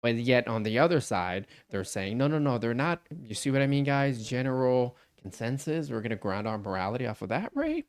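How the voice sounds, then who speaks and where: A man's voice: mid-range voice, brisk, hardly any pauses, smooth. A man hosting a reaction stream, talking casually and building to incredulous outbursts. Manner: animated, rising to incredulous outbursts.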